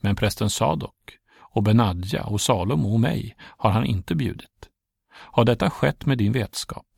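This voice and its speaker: A man's voice: on the low side, lively intonation, gravelly, a little mellow, no echo, studio quality, full character voice. A man voicing a court prophet in a Bible storybook reading, speaking urgently and persuasively. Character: bold court prophet urging action.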